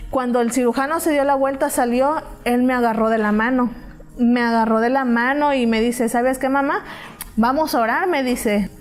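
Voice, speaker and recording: A woman's voice: high-pitched, darkish tone. A mother giving a personal testimony in church, retelling conversations with hesitant fillers.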